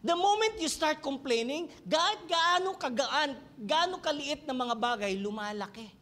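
A man's voice: extremely high pitch, lively intonation, moderate pace, bright, forceful tone. A man with a Filipino accent preaching a sermon in church, switching between Tagalog and English and asking the congregation questions. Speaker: pastor.

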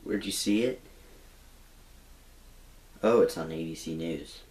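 In a mockumentary comedy shot on a camera in a small bedroom, a young adult man plays a gloomy young jailbird who rambles and restarts hesitantly. He sounds resigned, speaking slowly in a deep voice with a darkish tone.

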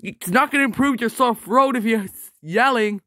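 Mario as a bossy, squeamish plumber plush, voiced by a man. He scolds loudly in a raised, very high voice and is quick to sound disgusted. The sound is dry and close. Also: no echo, full character voice. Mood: scolding, disgusted. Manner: loud, scolding, easily disgusted. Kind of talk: plush toy skit.

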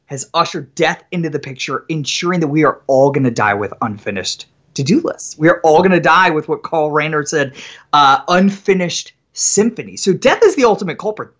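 Animated man, stumbling into his sentences. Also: fairly high pitch. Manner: animated, repeats words when starting sentences, often adds "right?". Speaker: author guest. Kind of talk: podcast interview.

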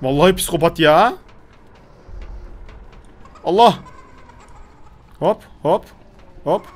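A man's voice: on the high side, slow. A man. He sounds chatty and exasperated, and keeps scolding the character on screen. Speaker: gaming video host. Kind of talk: gameplay commentary.

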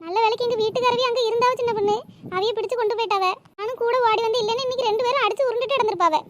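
A woman's voice: extremely high pitch, steady tone, racing. A woman voicing a bossy but caring village neighbor in a cartoon, lecturing. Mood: consoling. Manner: scolding, lecturing. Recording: noisy cartoon voice track.

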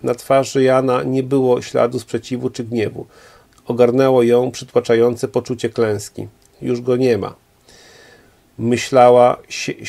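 Man narrating a novel aloud; steady delivery with a gravelly texture. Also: mid-range voice. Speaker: reader.

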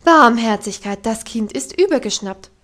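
A woman's voice: a little high, animated, normal speed, fairly bright tone. A woman voicing a strict, easily outraged housekeeper in an audiobook, scolding in indignant outbursts. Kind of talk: audiobook reading.

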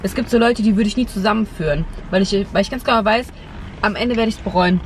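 A woman's voice: mid-range voice, quick pace. A young woman giving casual advice as a vlog host, chatting inside a car. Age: young adult. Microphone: camera on the dashboard. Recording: noisy car interior, outdoor ambience.

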